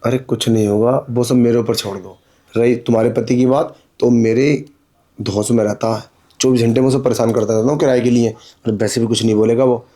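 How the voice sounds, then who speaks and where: A pushy, scheming landlord, played by a man, with a mellow, darkish voice at an ordinary pitch. He presses and brushes off every worry with impatience. He comes from a homemade drama skit. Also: fairly even intonation, brisk, natural voice. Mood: persuading. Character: pushy, scheming middle-aged male landlord. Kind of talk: amateur Hindi drama skit.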